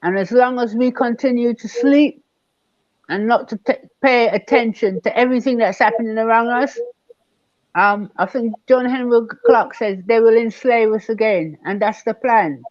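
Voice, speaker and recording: An older man from Barbados, speaking as a guest elder in an online panel discussion, measured and emphatic, repeating key words. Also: very high voice, no echo, highs cut off.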